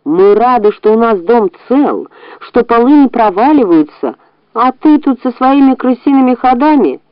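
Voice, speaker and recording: A woman's voice: a little high, lively intonation, moderate pace, no echo, voice pushed up, lightly acted. Stern storybook farmer, blunt and scolding, done by a woman, dry lo-fi audiobook sound. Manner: firm, scolding. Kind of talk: storybook reading.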